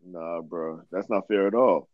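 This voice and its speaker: A young man in casual group banter, slangy and quick to argue. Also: low voice, dull audio. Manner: slangy, argumentative.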